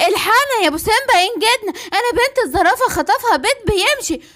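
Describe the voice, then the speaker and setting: A woman's voice: very high voice, expressive, rapid-fire, a bit bright. A woman with an Egyptian accent voicing a frightened little giraffe girl crying for help in a children's cartoon.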